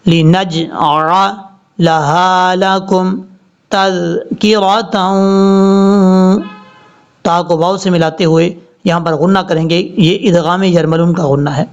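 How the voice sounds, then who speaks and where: A male Quran teacher explaining tajweed rules and reciting each word slowly and drawn out. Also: high-pitched, fairly even intonation, gravelly. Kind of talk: tajweed lesson with slow recitation. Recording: slightly dull lo-fi audio.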